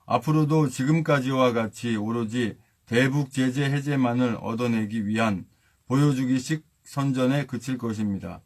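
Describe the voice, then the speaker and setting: A man's voice: mid-range voice, normal speed. A man hosting a political broadcast, giving commentary and reading a formal statement aloud.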